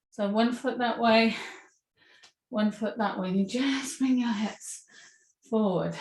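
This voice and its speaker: A woman yoga instructor guiding a movement class with gentle, encouraging cues. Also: on the high side, a little hiss or hum. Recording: echoey room.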